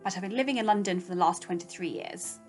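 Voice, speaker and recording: A woman from Zimbabwe, mid-pitched, speaks steadily and with purpose. Soft music plays faintly under her voice. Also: quick pace. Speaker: interviewee.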